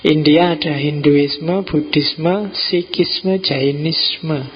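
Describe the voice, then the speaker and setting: A man's voice: on the high side, steady tone, drawn-out words, highs cut off, slight background noise. A man with a Javanese accent giving an informal philosophy lecture to a study group, chatty and teasing, slipping Javanese words into his talk.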